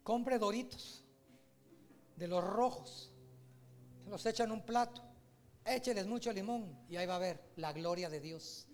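A man preaching a sermon in an animated way, rising to loud, emphatic peaks. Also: sits high, a little slow, pauses often.

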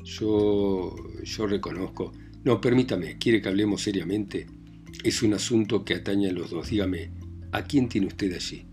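Male reader as a fretful jealous old gentleman in a story, pleading, low voice. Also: measured pace, soft background music. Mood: agitated. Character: anxious jealous older gentleman, fussy.

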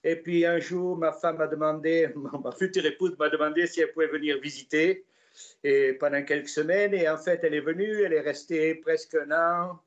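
A man in his sixties from southwest France tells his story with a Gascon accent. His voice sits fairly high and he talks in a relaxed, hesitant way, pausing often. The recording sounds slightly dull and muffled. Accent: Gascon French. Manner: relaxed, hesitant with many "euh" fillers. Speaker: interview guest. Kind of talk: casual storytelling.

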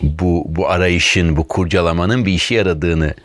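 A man in casual conversation, talking in a measured, thoughtful way. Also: low-pitched, fairly even intonation, no echo.

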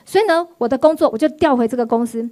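A woman pastor, giving a sermon testimony in an animated storytelling way. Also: sits high, fast talker. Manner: animated storytelling, acts out quoted voices.

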